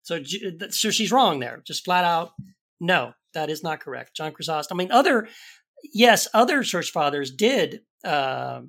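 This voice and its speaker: A man co-hosting a podcast, giving an emphatic, animated rebuttal to a video clip. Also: on the high side, moderate pace, creaky. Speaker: podcast co-host.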